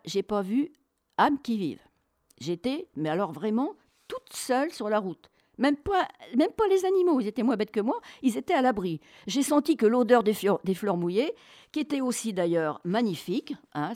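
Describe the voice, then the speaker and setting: A woman speaking as a radio guest, telling a travel story in a lively, expressive way. She often laughs and swings between hushed, reflective moments and loud, excited ones. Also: mid-range voice, no echo, studio quality.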